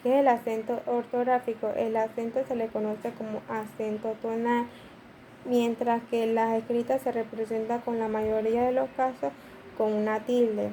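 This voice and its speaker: A woman's voice: fairly high pitch, flat delivery, normal speed, dark tone, slight background noise, rough recording. A woman student reading a class presentation aloud to her teacher, listing examples one by one.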